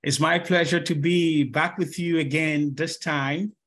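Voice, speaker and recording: Male guest lecturer, slow, fairly high voice, hesitant opening remarks. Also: fairly even intonation, fairly bright tone. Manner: hesitant, with repeated fillers.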